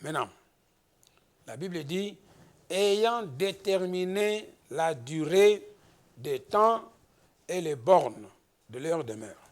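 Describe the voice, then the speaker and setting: A man from the Democratic Republic of the Congo preaching a slow, emphatic sermon as pastor, rising into exhortations. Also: on the high side, expressive.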